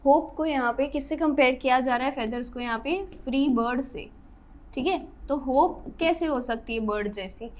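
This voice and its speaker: A woman's voice: high-pitched, normal speed, darkish tone. A young woman teaching an English grammar lesson, explaining step by step and checking in with her students often.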